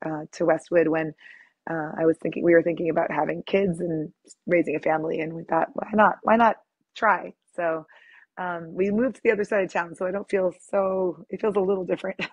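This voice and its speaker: A woman's voice: fairly low pitch, steady tone, brisk, husky, dry recording. A middle-aged woman, a yoga teacher, talking as an interview guest, chatty and often laughing with many ums. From born in Lebanon, raised near Boston. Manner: warm, laughing, lots of ums. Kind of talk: casual interview.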